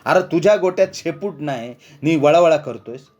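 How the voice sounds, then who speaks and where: A man's voice: a little high, expressive, moderate pace, darkish tone, highs cut off, faint music behind, voice pushed up. A man voicing a commanding village headman who scolds in rustic speech. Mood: stern.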